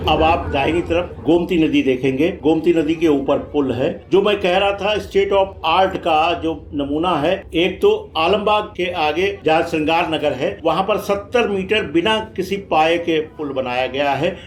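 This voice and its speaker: Slightly high-voiced man explaining to viewers. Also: unhurried, hardly any pauses. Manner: explanatory, addresses viewers directly. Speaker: vlog host. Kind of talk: informative travel vlog commentary. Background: faint metro train ambience.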